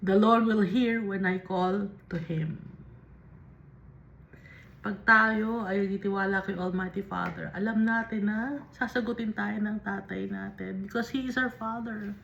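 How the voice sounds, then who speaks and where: Woman doing a bible study, gravelly voice, dull lo-fi recording, reads verses then prays them out. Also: medium pitch, fairly even intonation, a little slow, a bit bright, a little hiss or hum. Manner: reads verses then explains them, voicing heartfelt sample prayers. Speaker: Bible teacher.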